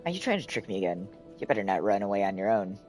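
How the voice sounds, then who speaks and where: A man's voice: on the low side, very animated, rapid-fire, music in the background. A man voicing a stern adult male warrior in a video game, who speaks curtly and scolds. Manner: curt, scolding.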